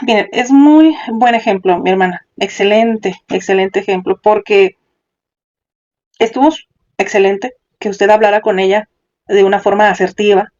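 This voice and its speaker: A man's voice: sits high, steady tone, moderate pace, darkish tone, highs cut off. A man hosting a question-and-answer show, giving affirming pastoral advice and explaining things step by step. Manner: affirming, calls the caller sister, explains step by step. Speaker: host and counselor.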